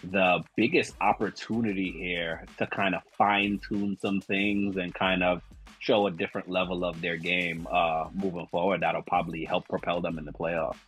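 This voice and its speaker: A man hosting a sports podcast in casual chat, measured and steady, often filling with "you know". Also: low voice, breathy edge. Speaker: podcast host leading the segment.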